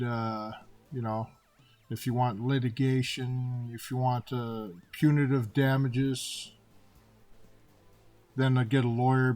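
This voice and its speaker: Animated man in his fifties telling stories. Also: mid-range voice. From Canada. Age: 50s. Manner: animated retelling, acting out dialogue with repeated "and I said". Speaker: artist telling personal stories. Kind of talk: casual storytelling monologue.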